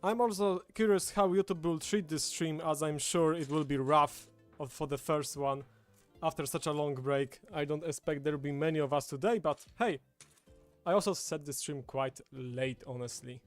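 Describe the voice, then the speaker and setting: A man from Poland with a fairly high voice speaks at a moderate pace, chatting casually in his native Polish with a Polish accent. He's the host of a livestream, sitting indoors at a table with a streaming setup, and background music plays.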